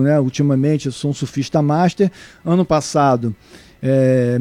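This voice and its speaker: A middle-aged man from Brazil, a guest surfer and surf instructor, answering interview questions in a halting way with many restarts. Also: fairly high pitch, mellow, dry recording. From Brazil (born in Salvador, raised in Niterói). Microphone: remote mic, at first too far away.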